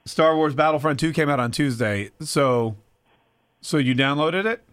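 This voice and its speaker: A fairly high-voiced male morning radio host with an upbeat, teasing manner. He keeps the banter with callers light and joking. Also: normal speed, a bit bright, smooth.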